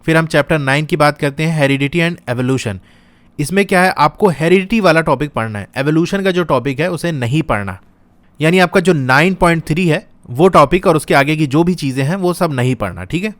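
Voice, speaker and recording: A man's voice: a little high, expressive, fairly quick, fairly bright tone, dry recording. A young man teaching, walking students step by step through a syllabus and checking in with them often. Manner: explains step by step, checks in with "ठीक है". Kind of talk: syllabus walkthrough lesson.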